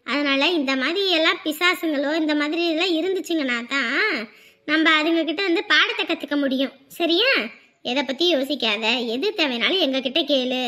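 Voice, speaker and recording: A woman acting a sharp-tongued, motherly aunt in a family drama skit, who grumbles and scolds but coaxes the boy she raises. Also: high voice, moderate pace. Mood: soothing. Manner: grumbling, scolding, then coaxing.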